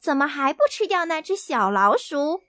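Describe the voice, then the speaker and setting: A woman's voice: sits high, very animated, moderate pace, fairly bright tone, no room sound, clean studio sound. A woman voicing a playful, mischievous and greedy young kitten in a bedtime story, with a coaxing storybook voice.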